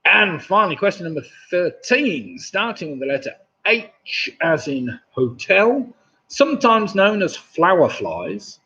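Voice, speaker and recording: Older guy running a pub quiz from home, slightly raspy, chuckly and chatty, muffled webcam sound. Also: sits high, sing-song, a little slow, sharp tone. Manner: chatty, chuckling at viewers' jokes. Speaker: quizmaster. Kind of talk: live online pub quiz hosting. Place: home room, indoors. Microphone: webcam mic, seated at desk. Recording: dull lo-fi webcam audio.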